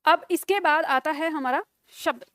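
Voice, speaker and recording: Woman teacher, high voice, dry close sound; patient classroom delivery, spells out examples slowly for dictation. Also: a bit bright, dry recording. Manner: slow dictation with repeated words, checking questions. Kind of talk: classroom grammar lesson.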